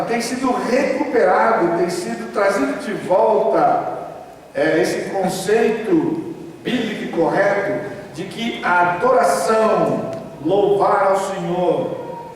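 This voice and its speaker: Brazilian man, pastor, high-pitched, casual witty preaching, booming church echo with faint hiss. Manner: conversational and humorous, many rhetorical questions. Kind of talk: sermon. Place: large church sanctuary. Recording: echoey church hall, distant mic, faint hiss.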